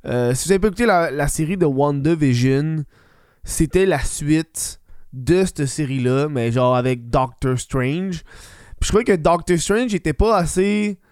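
A man's voice: a little high, animated, measured pace, darkish tone, smooth, dry recording, clean studio sound. A man with a Quebec French accent hosting a solo podcast in casual, slangy chat, swearing freely and dropping English slang into his French.

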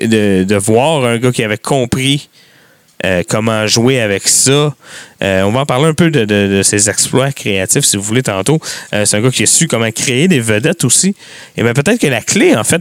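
A man with a Québécois accent chats casually on a radio show, drifting through his thoughts with frequent fillers and restarts. His voice is smooth and resonant. The sound is close and dry. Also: mid-range voice, no echo. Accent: Québécois French. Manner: rambling, many fillers and restarts. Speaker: podcast host.

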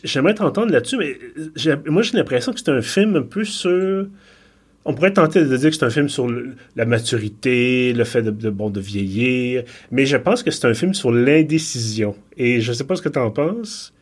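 A man's voice: medium pitch, lively intonation, husky. A man in his thirties with a Quebec French accent and a mid-range voice. He analyzes a film in a thoughtful, conversational way. He often stumbles and restarts his sentences as he goes. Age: 30s. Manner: thoughtful, halting with repeated restarts. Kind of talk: casual film discussion.

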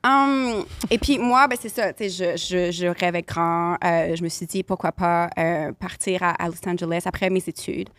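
A woman's voice: lowish voice, fairly bright tone, no echo. A woman doing a ditzy LA influencer. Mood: breezy. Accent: American. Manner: mixes English into halting French, valley-girl fillers. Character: rich young Los Angeles influencer DJ woman, airy. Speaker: guest. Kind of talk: improvised comedy interview.

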